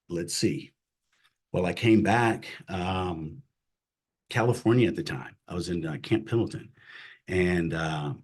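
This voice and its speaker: Husky, very low-voiced man telling his story. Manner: earnest, emotional storytelling, drops to a hush at hard moments. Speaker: chaplain and CPE director, guest. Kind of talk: personal testimony in an interview.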